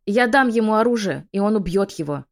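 A woman's voice: lowish voice, a little fast, lightly acted. Woman voicing Klaudia, a frantic young witch. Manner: frantic pleading, raised loud voice. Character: desperate pregnant young witch, frantic and tearful.

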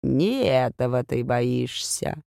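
A woman voicing an unseen old female seer whose disembodied voice speaks slowly and cryptically from the darkness, a little hoarse. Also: extremely low pitch, expressive, warm tone, no echo, clean studio sound, voice pushed down, heavily acted. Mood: cryptic. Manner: slow, cryptic, speaks in riddles. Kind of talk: audiobook character voice.

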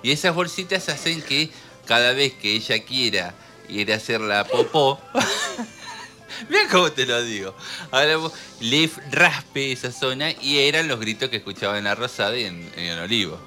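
A man with an Argentine Spanish accent hosting a radio show, talking in an animated, joking way and laughing often. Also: mid-range voice, moderate pace, faint music behind. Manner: animated, laughs often while telling jokes. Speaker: radio host. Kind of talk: jokey radio talk. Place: radio studio.

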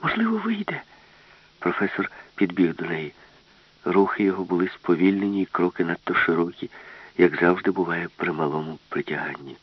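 A man narrating an audiobook with a lively, expressive reading. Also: low voice, fairly quick. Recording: dull, lo-fi, dry.

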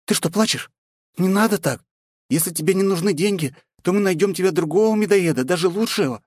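A man's voice: high voice, fairly quick, a little mellow, dry recording, pitched above the performer's own voice. A man reading an audiobook, voicing a serious, dutiful young woman who takes everything literally. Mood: earnest. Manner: serious and businesslike.

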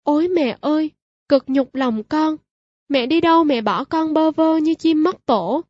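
A woman's voice: high-pitched, animated, normal speed, no room sound, lo-fi sound, pitched above the performer's own voice. A woman voicing a poor, grieving village widow in a storybook reading, wailing and pleading. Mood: wailing grief.

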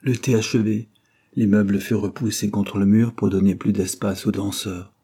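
This is scripted narration from a male audiobook narrator. His deep, dark, husky voice stays steady and measured.

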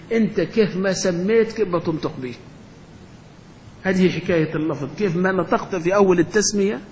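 A man, a sheikh teaching grammar to a class, quizzing his students and answering his own questions. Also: sits high. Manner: asks the class questions and answers them himself. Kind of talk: classroom lecture. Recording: echoey hall, dull lo-fi sound, faint hum.

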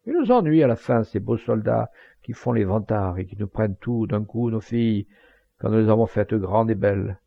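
A man's voice: fairly low pitch, expressive, normal speed, gravelly, breathy edge, dry recording, full character voice. A man voicing a dignified old father, firm and plain-spoken, in a slightly muffled home recording. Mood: stern.

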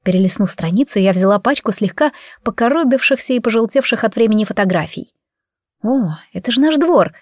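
A woman's voice: a little high, animated, brisk, darkish tone, dry recording, clean studio sound. A woman narrating a story in the first person, reflective and wry. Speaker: audiobook narrator.

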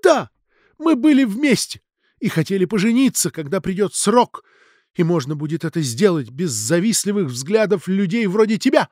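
A man voicing an excitable, tearful young woman who pleads shrilly. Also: on the high side, fairly quick, no echo, studio quality, voice pushed up. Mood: tearful, agitated.

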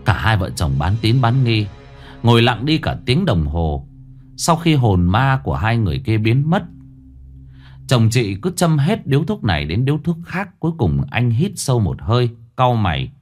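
A man narrating a ghost story in a slow, dramatic way, dropping to a hush at eerie moments. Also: medium pitch, big pitch swings. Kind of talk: scripted horror story narration. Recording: narration over faint music.

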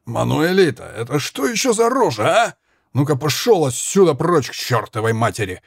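A man voicing a hot-tempered, drunk Spanish soldier who shouts and curses in slurred bluster. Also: a little high, big pitch swings, moderate pace, gravelly, slightly rough, no room sound, studio quality, exaggerated voice. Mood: raging.

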